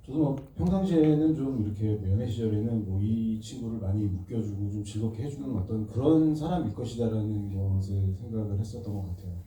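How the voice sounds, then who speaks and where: A modest, self-deprecating man with a lowish, mellow voice talks about his role. He is heard from afar in an echoey hall with faint noise. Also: fairly quick, hardly any pauses. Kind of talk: talk on stage after a film screening. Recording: echoey hall, distant mic.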